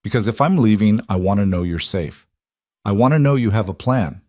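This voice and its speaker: A man's voice: lowish voice, lively intonation, fairly quick, a little mellow, no echo, studio quality, close to an everyday voice. A man voicing a frightened young woman caught in mob danger, pleading and tearful, in an audiobook character reading. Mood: resigned.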